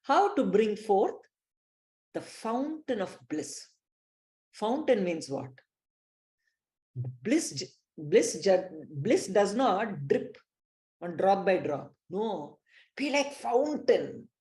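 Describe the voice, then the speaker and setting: A woman's voice: mid-range voice, sing-song, slow, pauses often, warm tone. A woman with an Indian English accent leading a live online spiritual class, speaking emphatically and addressing her listeners directly. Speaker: spiritual teacher.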